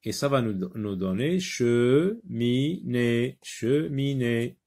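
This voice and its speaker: Slow, deliberate French teacher, gravelly. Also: male voice, medium pitch, lively intonation, warm tone. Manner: slow, deliberate, repeats words and sounds; translates instructions into Arabic. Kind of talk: phonics lesson.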